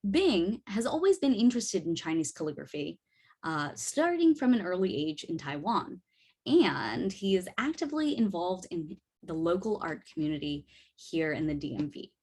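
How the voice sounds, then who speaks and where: A woman's voice: on the low side, big pitch swings, moderate pace, a little mellow, husky. Cheerful woman emceeing an event. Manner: cheerful, upbeat. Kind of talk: event hosting.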